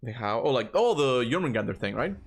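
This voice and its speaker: A gaming streamer chats casually during a livestream, thinking out loud, repeating himself and laughing easily. His voice is medium in pitch with big swings, fairly quick, and there is slight background noise.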